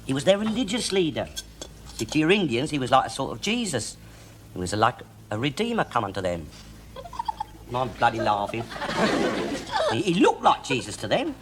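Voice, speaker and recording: An actor playing a loudmouthed, bigoted, middle-aged working-class man, ranting and swearing in a Cockney accent. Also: medium pitch, very animated, normal speed, long pauses, natural voice. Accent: London Cockney. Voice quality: loud, ranting, swears constantly, tag questions. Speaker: sitcom lead character. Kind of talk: 1960s TV sitcom acting. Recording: noisy old TV soundtrack.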